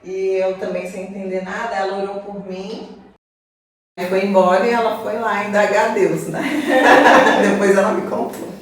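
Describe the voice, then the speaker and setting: A woman giving a personal testimony as a guest, telling her story in an animated way and acting out the conversations. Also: mid-range voice, unhurried, a little hiss or hum. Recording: echoey room, far from mic.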